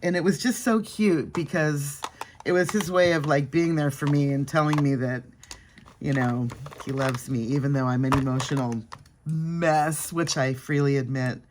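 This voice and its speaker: A woman chatting casually to her viewers while doing her makeup, laughing often and dropping into soft asides. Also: low-pitched, steady tone, normal speed, noisy background. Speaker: makeup vlogger. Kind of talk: casual makeup vlog chat.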